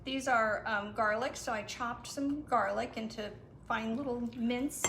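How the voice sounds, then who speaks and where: A woman guest explaining her recipes in a relaxed, casual chat, with lots of fillers. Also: on the high side, measured pace, gravelly. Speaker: guest cook. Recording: echoey room with some noise.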